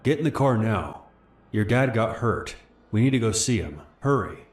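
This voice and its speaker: A man's voice: fairly low pitch, measured pace, reverberant, lightly acted. A man voicing an impatient male stranger who sternly pushes a child to get into his car. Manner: stern, pushy.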